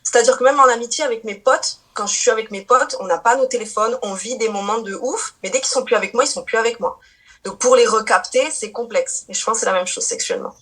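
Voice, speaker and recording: A woman's voice: fairly high pitch, fast talker, fairly bright tone. A woman in her thirties, a podcast guest chatting casually and talking at length, with frequent fillers. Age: 30s. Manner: chatty, many fillers and restarts, laughs easily. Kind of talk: casual chat.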